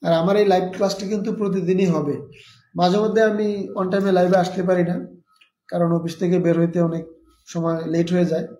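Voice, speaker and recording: A man's voice: high-pitched, little pitch movement, a little fast, warm tone, roomy sound. A man teaching a live online spoken English lesson, explaining step by step and repeating example sentences.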